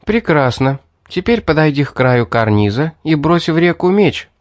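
A man's voice: fairly high pitch, expressive, moderate pace, no echo, studio quality, pitched above the performer's own voice, close to an everyday voice. A man voicing a scheming young woman from a fantasy audiobook who coaxes, mocks and threatens. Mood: commanding. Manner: mocking, coaxing and threatening. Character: scheming young woman, sweetly coaxing and cold.

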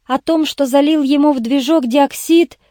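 A woman's voice: high voice, moderate pace, mellow, no echo, clean studio sound, voice pushed up, close to an everyday voice. A woman voicing a frightened teenage schoolboy who pleads tearfully in an audiobook. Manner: trembling, pleading. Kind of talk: audiobook reading.

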